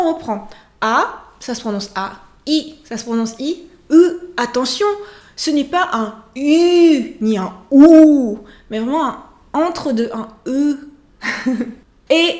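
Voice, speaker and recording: High-voiced, animated woman teaching. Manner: animated, laughing, stretches sounds for examples. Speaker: language teacher, channel host. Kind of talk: lively video lesson. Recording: roomy echo.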